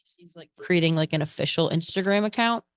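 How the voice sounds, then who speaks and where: A woman's voice: on the low side, brisk, clean tone, dry recording. A woman sharing data in a casual, hesitant way at a council meeting. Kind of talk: meeting report.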